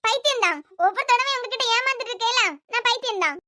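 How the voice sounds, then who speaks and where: A woman's voice: very high voice, fast talker, bright, forceful tone, dry recording, studio quality. A woman voicing a tearful young wife. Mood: distraught. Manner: crying, pleading, reproachful. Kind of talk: cartoon web series voice acting.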